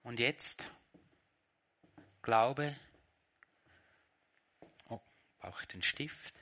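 Male preacher, unhurried sermon that swings between hushed and loud passages. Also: mid-range voice. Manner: swings from quiet reflection to loud, shouting retellings.

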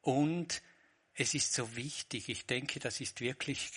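Bright-voiced man preaching. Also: mid-range voice, takes it slowly, slightly rough. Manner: reflective, quotes dialogue with shifts in emphasis. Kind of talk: sermon.

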